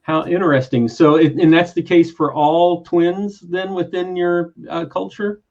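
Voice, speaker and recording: A man's voice: fairly high pitch, steady tone, measured pace, darkish tone, highs cut off. A man hosting a friendly online chat with a country American accent, talking hesitantly with many fillers. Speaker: host. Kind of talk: casual interview chat.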